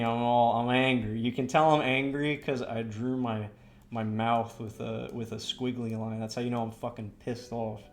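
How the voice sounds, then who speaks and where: While drawing, a young man who streams rambles through a story in a medium-pitched, gravelly voice. His casual talk is full of swearing and packed with "like" and "you know".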